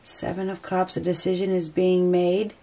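The recording is low quality, capturing a woman whose low, dark voice barely shifts in pitch as she talks at a moderate pace. Stuffed up with a head cold, she turns tarot cards at a table indoors and thinks out loud. Her unscripted reading is rambling and hesitant.

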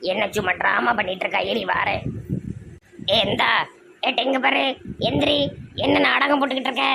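A woman with a Tirunelveli Tamil accent in a village comedy skit, loud and complaining. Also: fairly high pitch, steady tone, normal speed, vocal fry, background noise. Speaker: comedy sketch actor.

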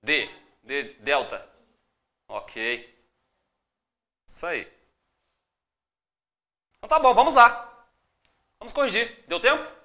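A teacher with a Brazilian Portuguese accent runs a live exam-prep class, her medium-pitched voice swinging hugely up and down on every point. She sounds bright, forceful, upbeat and encouraging, greets viewers directly, and stretches words into slow, drawn-out syllables so each rule is clear.

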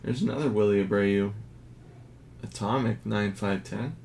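A man casually narrating as he reveals graded trading cards, reading out each grade in a low-key, unhurried way. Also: creaky. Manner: slow, low-key commentary, grades read in a flat list. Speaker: card collector. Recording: audible background noise.

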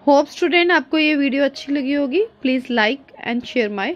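A woman teaching exam speaking tips, mixing English and Hindi and often asking "Clear?". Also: high voice, animated, slow pace, dull audio, faint music behind. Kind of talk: spoken-exam tips lesson.

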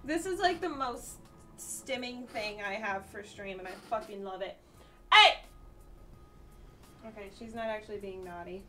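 A woman streaming a game, chatting casually with her viewers, swearing often and breaking into loud outbursts and laughter. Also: mid-range voice, a little slow, pauses often, recorded from a distance, soft background music. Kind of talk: casual gameplay chat.

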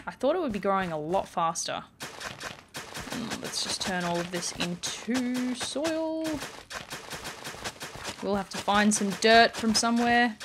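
Woman, casual let's play commentary, rambling with fillers, medium pitch, light keyboard clicking underneath. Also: noisy background. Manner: chatty, rambling, many "like" and "um" fillers. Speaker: gaming YouTuber.

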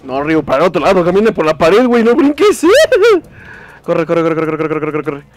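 A young man with a Mexican accent giving casual commentary while playing a video game, swearing and shouting in frustration. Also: fairly high pitch, quick pace. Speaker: gameplay streamer. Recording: faint game music behind.

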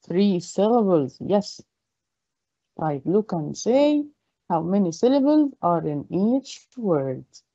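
An encouraging primary school teacher with an Egyptian accent, who explains each point in Arabic and then stretches out the English words one slow beat at a time. Her tone is mellow and relaxed, and the recording is dry and slightly dull. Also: mid-range voice, husky, no echo. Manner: praising, encouraging. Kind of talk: classroom lesson to pupils.

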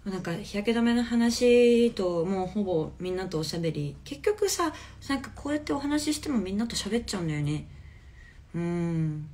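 A woman hosting a casual live stream from her home on a phone, chatting in a relaxed way and answering viewers' comments. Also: mid-range voice, moderate pace. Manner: chatty and relaxed, often laughing softly.

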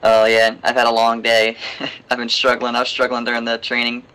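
Over clearly noisy voice chat, a young man talks as a flight leader in a simulator. He speaks quickly, with short, calm call-outs and casual asides in a mid-range voice. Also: mid-range voice. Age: young adult. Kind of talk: radio calls and casual chat.

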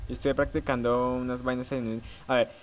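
A man's voice: medium pitch, flat delivery, fast talker, slight background noise. A young man playing a horror game, muttering to himself and shrieking at the scares. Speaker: gamer.

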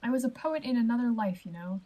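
A woman voicing a wistful, flattering male scholar friend with an Italian-tinged accent. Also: on the high side, fast, rough recording.

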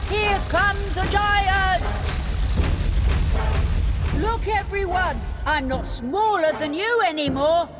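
A woman's voice: very high-pitched, takes it slowly, over music. A woman voicing a small male clockwork toy mouse that runs on a spring, talking in a childlike, pleading way. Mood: eager. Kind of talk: cartoon voice acting.

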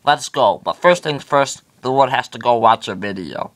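For a toy comedy skit, a channel host voices a boastful toy cowboy who calls himself the Wood and refers to himself in the third person. His mid-range voice sounds natural, with lively intonation and a moderate pace, and the delivery is cocky and swaggering.

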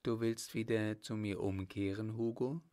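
A man voicing an anxious, devoted young woman who speaks softly and pleadingly. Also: fairly low pitch, fairly even intonation, unhurried, lightly acted.

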